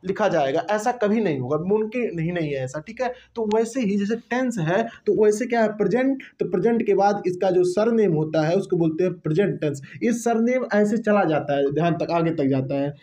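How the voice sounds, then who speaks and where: A man's voice: high-pitched, brisk, hardly any pauses, dark tone. A man teaching an English grammar lesson to students, repeating key terms and answering his own questions. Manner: addresses students directly, stretches words for emphasis. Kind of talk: classroom-style grammar lesson.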